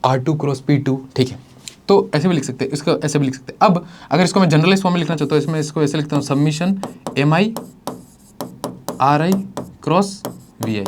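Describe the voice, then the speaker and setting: A man, teaching physics in a lecture and working through each step. He asks questions and answers them himself, and he calls his students "bhai sahab" and "beta". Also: on the high side. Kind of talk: classroom lecture at a board.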